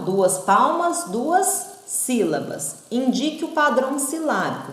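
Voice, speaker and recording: Woman, primary teacher, sounds out vowels slowly, echoey room. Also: a little high. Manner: slow, sounds out syllables and vowels, asks rhetorical checks. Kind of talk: recorded online class.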